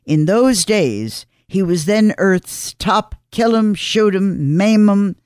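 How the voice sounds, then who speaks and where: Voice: mid-range voice, expressive, slow, a little mellow, dry recording, studio quality. A radio host asking blunt, chatty questions. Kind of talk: radio interview.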